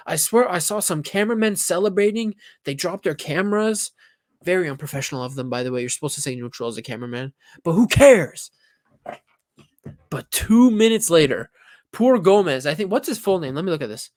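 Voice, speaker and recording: Animated young man reacting to football. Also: fairly high pitch, no room sound, studio quality. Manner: animated, swears, acts out reactions. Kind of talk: excited casual commentary.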